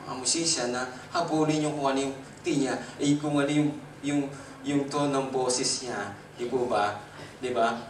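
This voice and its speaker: Filipino guy preaching, loud jumps n laughs, echoey church, bit of background noise. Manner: animated, jumps in pitch and loudness, laughs often. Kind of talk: Taglish sermon. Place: church worship service. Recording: echoey hall, from a distance.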